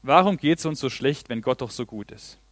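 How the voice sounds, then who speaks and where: A man's voice: medium pitch, lively intonation, moderate pace, no echo. A man preaching a sermon in an earnest way, retelling a Bible story and reading passages aloud.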